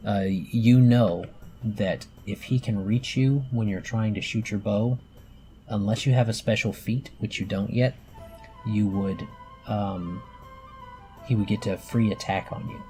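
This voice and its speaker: A man's voice: on the low side, fairly even intonation, measured pace, dark tone, faint music behind. A man in his thirties narrating a tabletop game for a child as game master, patiently explaining the rules with plenty of fillers.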